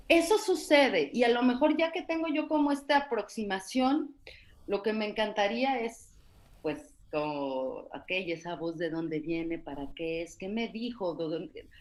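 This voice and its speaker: A woman with a Mexican accent, a panel guest, talking in a thoughtful, searching way with many fillers over a video call. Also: a little high. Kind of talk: reflective casual talk.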